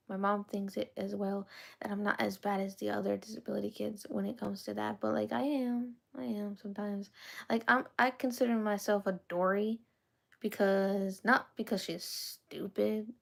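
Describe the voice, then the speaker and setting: A US vlogger in her twenties rambles through a personal confession to camera, halting often, full of ums and restarts, and frequently sinking to a half-whisper. Her voice is medium-pitched and creaky.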